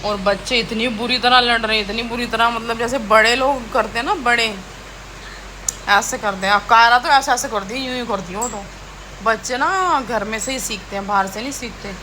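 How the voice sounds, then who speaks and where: A woman's voice: on the high side, moderate pace, pushed and bright, a little hiss or hum. A young woman, a mother, chatting casually in a home vlog and scolding her children now and then. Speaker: vlogger and mother. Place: home kitchen and rooms.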